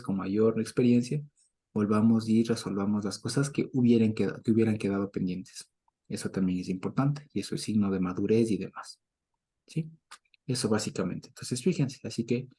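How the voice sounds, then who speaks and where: Chuckling frequently, a middle-aged man gives an informal Bible talk and checks in with those listening. His voice sits on the low side with a breathy edge, veering between loud mock preaching and hushed murmurs.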